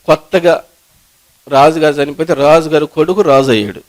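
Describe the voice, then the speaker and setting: A man, a pastor, preaching a sermon as a story, repeating phrases and swinging between loud climbs and hushed passages. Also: on the high side, steady tone, normal speed.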